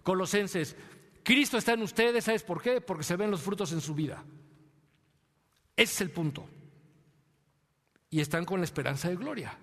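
A man with a Mexican accent preaching a sermon, asking rhetorical questions and sometimes dropping to a soft, low voice. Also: lively intonation, normal speed, pauses often. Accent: Mexican Spanish. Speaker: pastor. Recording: long hall reverb.

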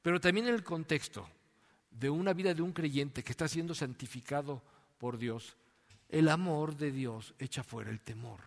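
A man's voice: on the high side, moderate pace, vocal fry, big-room sound. A man preaching a sermon, telling a story with rhetorical questions. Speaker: pastor.

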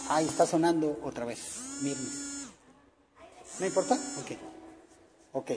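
A man's voice: a little high, sing-song, takes it slowly, long reverb tail, background noise. A middle-aged man with a Mexican accent, preaching earnestly to parents, with many fillers. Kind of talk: sermon to parents.

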